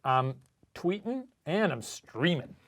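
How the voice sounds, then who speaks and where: A man's voice: on the high side, sing-song, slow pace, a bit bright. A man co-hosting in casual banter, trading dry, sarcastic quips. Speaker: co-host.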